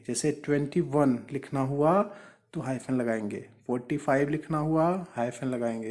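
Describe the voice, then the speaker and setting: A man's voice: fairly high pitch, darkish tone. A man teaching English punctuation, patiently repeating each rule and asking rhetorical questions. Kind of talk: explaining grammar lesson.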